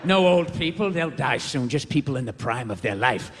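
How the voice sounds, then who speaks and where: A man's voice: mid-range voice, lively intonation, noisy background, voice pushed down, close to an everyday voice. A man voicing a sinister, gloating elite man with a transatlantic accent, plotting with others at a big table. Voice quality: slow, gloating, villainous purr. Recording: reverberant stand-up hall, faint ambience.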